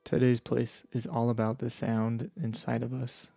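A man hosting a travel show, reading scripted narration in a measured, storytelling way. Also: mid-range voice, little pitch movement, vocal fry, warm tone, faint music behind.

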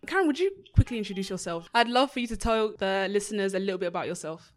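A woman's voice: medium pitch, expressive, fast. A young woman hosting a faith podcast, talking in an upbeat, casual way with frequent praise. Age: young adult. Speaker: podcast host.

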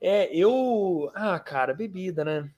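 A man's voice: high voice, expressive, takes it slowly, darkish tone. A man, hosting a casual chat with slangy, exclamatory reactions.

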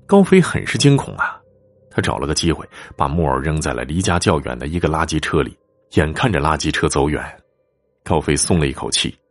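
A man narrating a ghost story theatrically, swinging from hushed to alarmed. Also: extremely low pitch, big pitch swings, fairly quick, soft background music.

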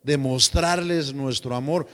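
A man preaching a sermon as pastor, lively and joking, slipping into slang voices. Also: medium pitch, measured pace, big-room sound. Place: church.

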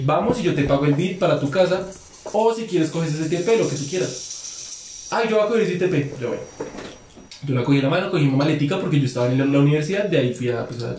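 A man's voice: fairly high pitch, darkish tone, a little hiss or hum. Young man, slangy profane storyteller, echoey room. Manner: fast, slangy and profane, acting out both sides of a quarrel. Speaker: podcast guest. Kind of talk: casual storytelling among friends.

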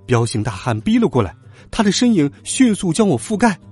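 A man reads a children's story aloud in a bouncy, animated voice that rises and falls with the action. His tone sits a little high and husky, and soft music plays underneath. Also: brisk. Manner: lively, dramatic first-person telling. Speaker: narrator. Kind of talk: storybook reading.

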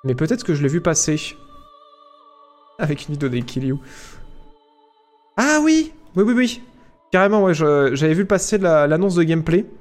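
Playful higher-voiced man streaming. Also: animated, normal speed, pauses often, faint music behind. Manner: chatty and playful, tosses in sound effects like "paf" and "bam". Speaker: livestreamer answering chat. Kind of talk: casual livestream chat.

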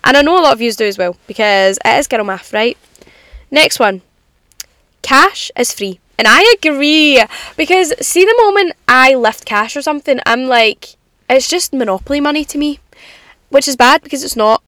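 A young woman talks in a fairly high voice, close and dry. She hosts a casual, confiding solo podcast full of animated slang and self-deprecating humour. She sits in a parked car with rain on the roof. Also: moderate pace, no room sound. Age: young adult. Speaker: podcast host.

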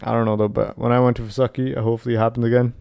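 A man's voice: medium pitch, little pitch movement, very fast, creaky, darkish tone, clear, resonant tone, no room sound, studio quality. A man in his twenties co-hosting a podcast in casual banter, talking like a frat bro with lots of slang and swearing. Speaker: podcast co-host.

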